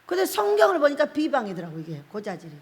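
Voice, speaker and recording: A woman pastor with a fairly high voice preaches in a storytelling way, often breaking into laughter and acting out what people said. Her voice rings with a long reverb, as if she were in a church sanctuary. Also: wildly swooping pitch, fast. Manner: chatty storytelling sermon with frequent laughter and acted quotes. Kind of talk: sermon. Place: prayer-house church sanctuary.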